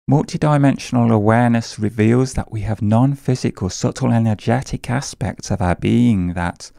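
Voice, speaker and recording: A man narrating a scripted guided meditation in a calm, measured, soothing way, close to the microphone. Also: lowish voice, vocal fry, dry recording.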